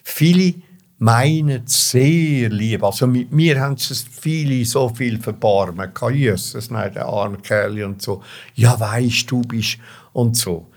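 An older man with a Swiss German accent speaks at a measured pace in a mid-range voice. He's an interview guest telling his life story off the cuff, repeating words emphatically for stress.

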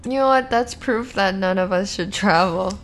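A woman's voice: mid-range voice, normal speed, low-quality recording. A woman co-hosting a podcast in casual chat, wry and blunt. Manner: wry, blunt, laughs between lines. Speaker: podcast co-host.

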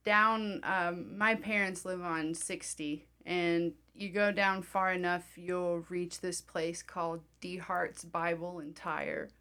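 Podcast co-host woman, lowish pitch, playful and joking. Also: steady tone, slow, few pauses, bright, forceful tone. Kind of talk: casual chat.

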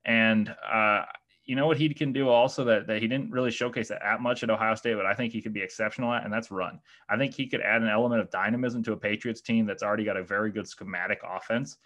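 On a casual podcast, a guest analyst weighs football draft picks at a quick pace, his lowish voice steady in tone and a bit bright. He hesitates a lot, with many fillers and restarts, all while struggling with hiccups.

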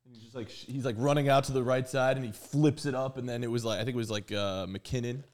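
A man's voice: medium pitch, fairly even intonation, quick pace, darkish tone. A man chatting casually as a panelist on a sports podcast, loose and slangy in his talk.

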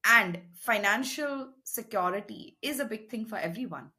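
Bright-voiced Indian woman in casual discussion. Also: fairly high pitch, lively intonation, normal speed. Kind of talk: casual conversational film discussion.

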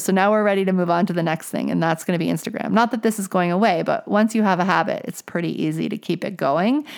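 A woman's voice: fairly low pitch, vocal fry, darkish tone. A woman hosting a podcast in an upbeat, chatty and enthusiastic way. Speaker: podcast host. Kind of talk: casual interview chat.

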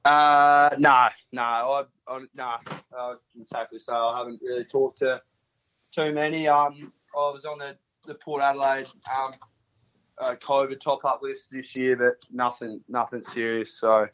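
Laconic, flat-toned young Australian country bloke. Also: male voice, mid-range voice, measured pace, no echo, muffled recording. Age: early 20s. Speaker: footballer being interviewed. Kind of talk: casual interview answers.

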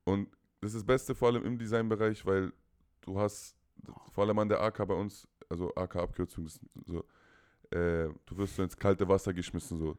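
A man's voice: low voice, steady tone, fairly quick, a little mellow, smooth. A young man in his twenties, a podcast guest chatting casually in a call-in style, rambling with many fillers and repeated words.

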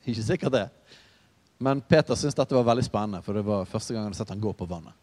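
A man's voice: on the low side, darkish tone. Preaching man in a reverberant hall. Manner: conversational, storytelling with asides. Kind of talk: sermon.

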